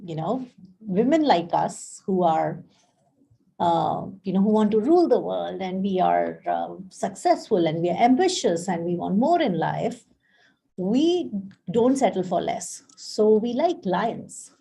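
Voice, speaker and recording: Mellow-voiced chatty woman life coach. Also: medium pitch, animated, a little slow, vocal fry. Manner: chatty storyteller, acts out quoted dialogue; frequent fillers and restarts, friendly address to viewers. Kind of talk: live-streamed casual talk.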